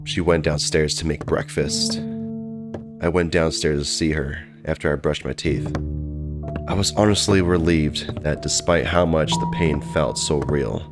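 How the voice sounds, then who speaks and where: Male narrator for scripted horror: bottomless bass register, dramatic first-person storytelling over a prominent music bed. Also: fairly even intonation, measured pace. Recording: loud music bed behind voice.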